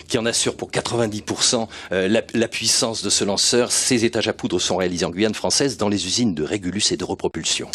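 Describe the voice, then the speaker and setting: A man's voice: lowish voice, steady tone, a little fast, few pauses, a bit bright, husky. A man hosting live launch commentary in a conversational, appreciative manner. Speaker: live broadcast host.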